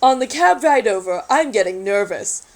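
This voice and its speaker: A woman's voice: on the high side, animated, normal speed, a little mellow, rough recording. A woman reading a magazine story aloud in a casual group chat, adding wry, sarcastic asides.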